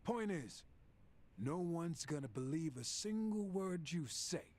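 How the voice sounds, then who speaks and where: A man's voice: a little high, animated, slow pace, a little mellow. An actor playing a corrupt, sneering police officer in a video game cutscene, mocking and gloating as he frames a suspect, with game music behind. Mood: interrogating. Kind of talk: game dialogue acting. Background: game music score.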